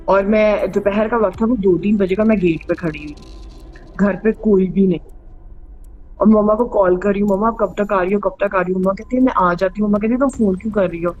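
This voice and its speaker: With background music running, a woman hosting a true ghost story show shares personal anecdotes in a chatty way, slipping in English phrases. Her mid-range voice is a little mellow, heard through dull, band-limited sound.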